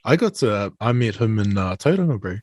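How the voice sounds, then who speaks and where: A man's voice: lowish voice, sing-song, fairly quick, a little mellow. A man with a broad New Zealand accent hosting a casual chat in slangy, sweary, matey language. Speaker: podcast host.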